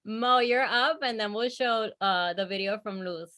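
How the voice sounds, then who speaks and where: Female host, higher-pitched and bright, effusive casual chat with emphatic delivery. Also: moderate pace. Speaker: host and editor of a story reading.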